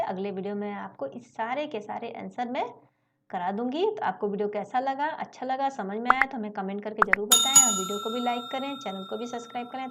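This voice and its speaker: A woman's voice: medium pitch, fairly bright tone. A woman teacher explaining a story lesson, retelling each line and then paraphrasing it with rhetorical questions.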